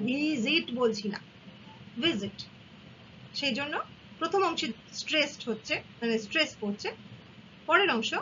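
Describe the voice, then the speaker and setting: This English grammar teacher is a woman with a high, bright, pushed voice. She patiently explains spelling rules, repeating and spelling out each example letter by letter, captured on a slightly dull, faintly hissy recording.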